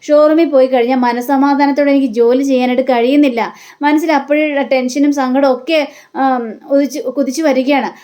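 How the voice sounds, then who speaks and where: A woman's voice: high voice, fairly even intonation, fairly quick, dark tone, natural voice. A woman doing a weary, pleading grown son. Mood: exasperated. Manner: exasperated, pleading.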